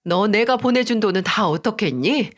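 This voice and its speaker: A woman reading as an indignant older mother-in-law, sharp and reproachful in a radio story. She lectures at a steady middle pitch, scolding rather than shouting. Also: moderate pace, close to an everyday voice. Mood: stern scolding. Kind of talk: Korean radio story drama.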